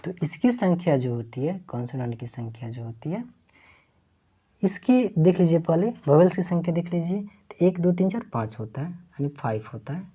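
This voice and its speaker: A woman's voice: lowish voice, sing-song, moderate pace, warm tone, slightly rough. A woman teaching an English lesson, explaining letter sounds and asking her students questions, then repeating each answer.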